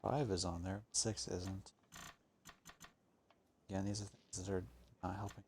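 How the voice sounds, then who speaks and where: Male gaming streamer, low gravelly voice, mutters and swears while he plays. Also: flat delivery, measured pace, darkish tone, slight background noise. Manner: grumbling, swears often, thinks aloud. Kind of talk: casual gameplay commentary.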